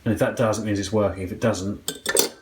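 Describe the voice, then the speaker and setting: A man's voice: lowish voice, steady tone, a little fast, noisy background. A man giving casual, self-deprecating how-to commentary as he works on a repair, thinking aloud with frequent ums. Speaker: DIY mechanic vlogger.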